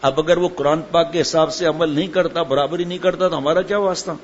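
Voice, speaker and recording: A man's voice: on the high side, steady tone. A middle-aged man giving a sermon and telling a humorous story, acting out the voices of the people in it. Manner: storytelling, acts out quoted voices. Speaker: Islamic preacher. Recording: dull lo-fi with faint hiss.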